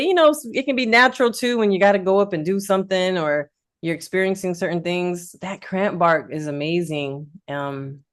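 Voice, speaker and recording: An enthusiastic woman herbalist leads a casual group conversation. She sounds folksy and eager, and she keeps calling her listeners y'all. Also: lowish voice. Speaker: herbalist host.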